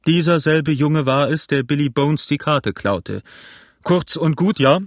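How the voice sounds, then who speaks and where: A man reading an audiobook, playing a cunning old pirate cook with a smooth, friendly tone that hides menace, recorded dry and close. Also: fairly high pitch, expressive, a little slow, no room sound. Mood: menacing. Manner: smooth, amiable tone masking menace.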